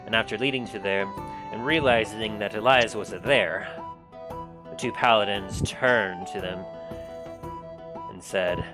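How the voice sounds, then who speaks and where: Male game master, lowish pitch, halting storyteller, tabletop fantasy narration, guitar music behind. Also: low-quality recording.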